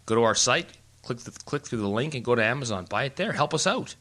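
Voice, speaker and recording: A middle-aged man co-hosts a podcast from his home in Germany, chatting casually, joking, and rambling with frequent restarts. His mid-range voice has lively intonation and a sharp tone, and he talks fast.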